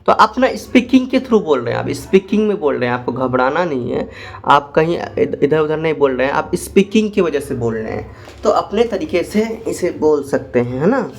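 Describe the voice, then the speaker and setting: A man teaching spoken English, explaining phrases in quick asides and then dictating them slowly word by word. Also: a little high, sing-song, creaky.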